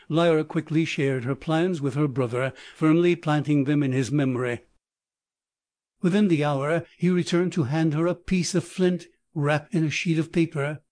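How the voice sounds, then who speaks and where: A man's synthetic text-to-speech voice reading scripted audiobook narration in an even, measured way. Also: on the high side, no room sound, clean studio sound.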